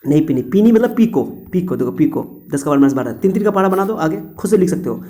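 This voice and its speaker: A man's voice: a little high, lively intonation, fast talker, dark tone. A young man teaching students a memory trick in a chatty way, acting out little voices in his story.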